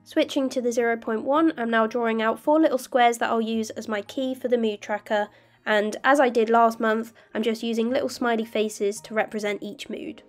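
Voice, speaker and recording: A young woman with a slightly croaky voice from illness, calmly narrating her journaling step by step. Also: a little high, moderate pace, faint music behind. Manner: calm, detailed step-by-step explaining. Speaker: bullet journal vlogger. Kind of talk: voice-over narration of crafting.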